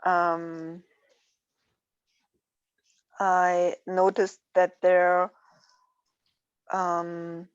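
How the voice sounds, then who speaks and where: Very slow-talking woman, muffled audio. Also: lowish voice, completely flat delivery, smooth, no echo. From Switzerland. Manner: hesitant, thoughtful, many pauses and fillers. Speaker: workshop participant. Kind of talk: personal sharing in a group call.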